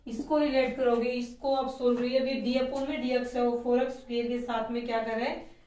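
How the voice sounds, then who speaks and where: Woman teacher, somewhat high voice, recorded from a distance, step-by-step explanation. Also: fairly even intonation, a little fast, warm tone. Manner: explains step by step and asks rhetorical questions. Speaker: chemistry teacher. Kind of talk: classroom lecture. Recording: echoey room, voice from a distance.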